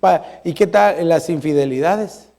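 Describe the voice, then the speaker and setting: A middle-aged man delivers a sermon as a pastor. His voice sits high for a man and carries a gravelly rasp. He keeps the congregation engaged through animated storytelling and playful asides. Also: a little slow.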